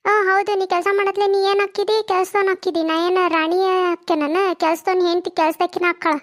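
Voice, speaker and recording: A woman's voice: very high-pitched, level tone. A woman with a North Karnataka accent voicing a grumbling, overworked young village wife in a comedy cartoon. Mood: scolding. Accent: North Karnataka Kannada. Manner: nagging, complaining, fast-talking.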